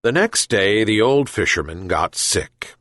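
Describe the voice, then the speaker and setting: A man's voice: no room sound, studio quality. A man reading a children's fable aloud as a narrator. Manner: slow, gentle, very lively pitch. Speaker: reader. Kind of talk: storybook narration.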